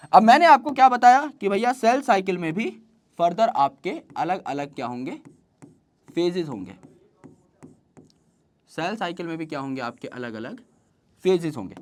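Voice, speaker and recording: A male teacher giving an online biology lesson, who mixes English terms into his Hindi explanation, asks questions and answers them himself, and slows down to dictate definitions. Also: sits high. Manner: uses folksy everyday comparisons.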